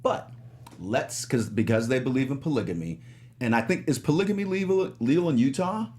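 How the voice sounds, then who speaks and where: A man on a review show panel in a studio, musing out loud and rambling with many restarts. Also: mid-range voice, animated, a little fast. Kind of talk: casual panel discussion. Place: studio in California.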